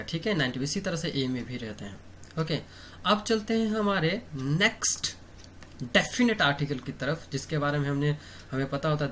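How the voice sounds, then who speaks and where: Hindi-speaking teacher checking in with "okay". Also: male voice, on the high side, fairly bright tone, a little hiss or hum. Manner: fills pauses with "okay" and "theek hai"; asks himself questions and then answers them. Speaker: English grammar teacher. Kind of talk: explanatory online lesson.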